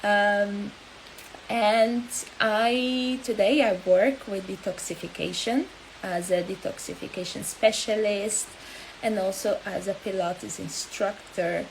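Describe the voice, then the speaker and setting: Slow, halting woman. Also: medium pitch, fairly even intonation, creaky, slight background noise, rough recording. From Angola. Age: 30s. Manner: halting and hesitant, with many pauses. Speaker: health coach. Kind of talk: live-stream talk.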